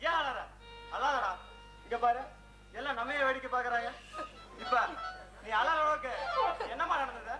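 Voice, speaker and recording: A man's voice: very high voice, normal speed, pauses often. A man playing an affectionate young lover who comforts and teases his sweetheart on a village stage. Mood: tender. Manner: tender, teasing, reassuring. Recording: echoey open-air stage with loud music.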